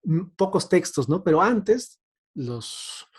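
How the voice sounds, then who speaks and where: Here the man's voice sits high and sounds husky and very animated, though he takes things slowly. He's a guest speaker delivering an informal academic talk on radio drama, hesitant and thoughtful, frequently checking for agreement with tags.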